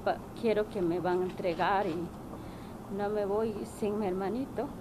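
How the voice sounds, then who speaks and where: A young woman from Guatemala giving personal testimony at a press conference, halting and searching for words. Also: medium pitch, fairly even intonation. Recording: noisy press room audio.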